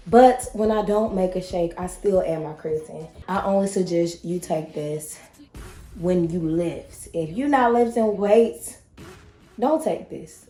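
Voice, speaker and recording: A young woman from Kentucky with a country twang, chatting fast and casually in her vlog. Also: medium pitch, warm tone, reverberant. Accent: Kentucky Southern. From Kentucky, USA. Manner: fast-talking, chatty, laughs often. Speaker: vlogger.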